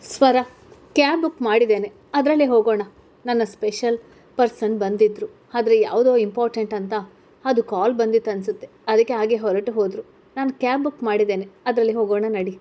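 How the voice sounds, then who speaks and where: A woman's voice: on the high side, a little fast, dark tone, natural voice. A woman voicing a confident, glamorous young female model student in a read-aloud story, talking in a breezy, assured way. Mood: reassuring. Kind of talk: storybook character reading.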